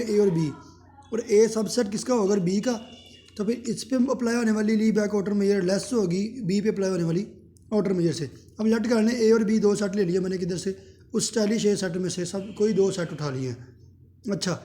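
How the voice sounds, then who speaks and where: A man's voice: sits high, dark tone. A man giving a math lecture, who poses questions to the class and answers them himself.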